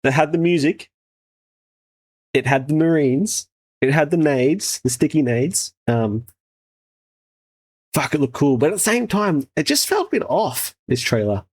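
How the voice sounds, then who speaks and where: Sweary laddish guy doing game trailer commentary, bit raspy, really animated up and down. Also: fairly high pitch, a little slow, long pauses. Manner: sweary, laddish, slangy enthusiasm. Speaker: host, game developer reviewing trailers. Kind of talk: casual trailer reaction commentary.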